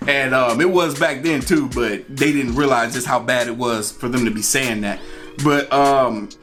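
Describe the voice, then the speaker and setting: Faint music runs behind this American vlog host as he recounts something that happened to him, speaking at an ordinary pace in a medium pitch. The retelling is lively and conversational; he voices snippets of dialogue and repeats certain phrases to drive points home.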